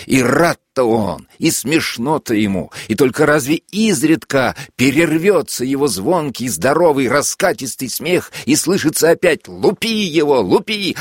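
A man narrating a classic novel as an audiobook in an expressive, vivid storytelling manner. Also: mid-range voice, slightly rough, no echo, studio quality. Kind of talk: literary audiobook reading.

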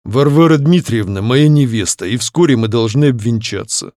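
A man's voice: mid-range voice, normal speed, dark tone, no room sound, clean studio sound, lightly acted. A man reading an audiobook, voicing a bold young suitor who speaks firmly and formally. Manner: firm and formal.

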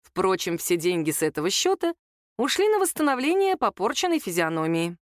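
A woman narrating an audiobook in an expressive storytelling manner. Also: medium pitch, brisk, no echo, studio quality. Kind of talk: scripted narration.

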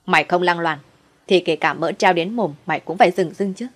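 A woman's voice: fairly low pitch, fairly quick, close to an everyday voice. A woman voicing a bold young woman who harshly scolds her sister-in-law. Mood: scornful.

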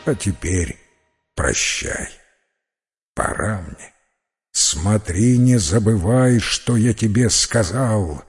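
A man voicing a grave, husky old cave guardian. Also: low-pitched, expressive, pitched below the performer's own voice, exaggerated voice. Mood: grave warning. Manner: slow, grave warning.

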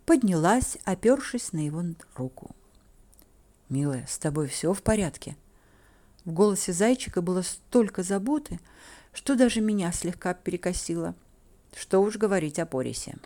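A woman narrating a first-person fantasy audiobook in an expressive, playful manner. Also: mid-range voice.

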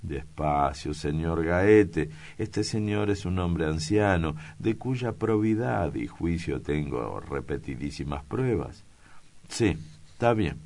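A man's voice: a bass voice, darkish tone, heavily acted. A man voicing a stern male official who gives orders and reasons with a commanding tone.

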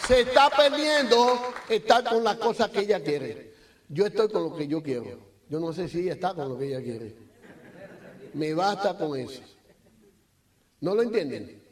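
Man, middle-aged, motivational speaker, high voice, playful storytelling, mimics engine noises. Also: moderate pace, pauses often, some chatter behind. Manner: lively, joking, imitates motor sounds. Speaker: motivational speaker at a business meeting. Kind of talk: motivational talk with personal storytelling.

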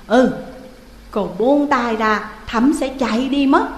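A woman's voice: a little high, takes it slowly, reverberant, in a large hall. A woman doing a clingy, whiny young ghost. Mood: whiny pleading. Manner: pleading, whiny.

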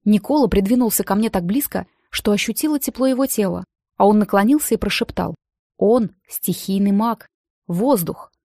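A woman narrating a first-person audiobook with an even storytelling delivery. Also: medium pitch, fast, creaky, dry recording, clean studio sound.

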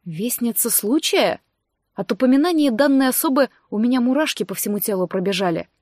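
Female audiobook narrator, measured first-person telling, fairly high voice, dry close sound. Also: lively intonation, a little mellow, dry recording.

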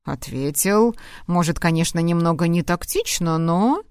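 A woman's voice: on the low side, expressive, unhurried, a little mellow, clean tone, no room sound, studio quality, pitched below the performer's own voice. Woman doing a smug, cocky dragon man. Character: smug male dragon in human form, boastful, possessive.

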